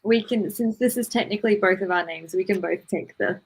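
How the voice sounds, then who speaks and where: A young woman co-hosting a writing stream, speaking casually in relaxed, supportive replies. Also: mid-range voice, brisk, husky. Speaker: co-host. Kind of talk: casual chat during writing sprint.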